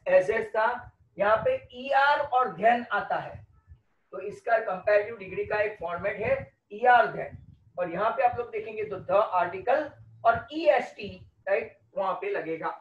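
A man with an Indian accent teaching an English grammar lesson, explaining slowly and asking the class questions, then answering them himself. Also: high-pitched. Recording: roomy, distant, dull lo-fi sound.

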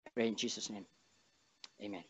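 On a large church stage, a young Cambodian missionary gives an earnest sermon and prayer in accented English, halting and restarting often, with emphatic rises. His fairly low, level voice is fairly bright with a breathy edge, heard through long reverb and a dull sound.

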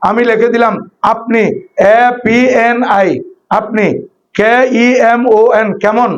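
A very high-voiced man with a Chittagonian Bengali accent preaches emphatically, explaining points and reciting Arabic phrases. The recording is dull and lo-fi. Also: little pitch movement, takes it slowly. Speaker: Islamic scholar and preacher. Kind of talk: sermon.

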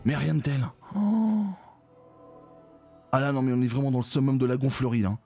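A man's voice: mid-range voice, lively intonation, moderate pace, warm tone, faint music behind. A man giving frustrated gameplay commentary, groaning and swearing as he complains. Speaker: let's play gamer.

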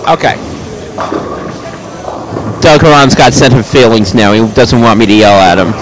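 In a bowling alley, a loud-voiced man narrates a match as it happens, slipping playful chatter between the action. His mid-range voice moves at a moderate pace against a noisy backdrop.

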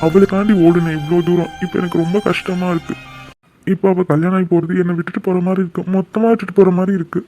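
A man voicing a crying father, quick and mellow. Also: sits high, steady tone, soft background music. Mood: grieving. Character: grieving loving father, emotional. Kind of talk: cartoon voice acting.

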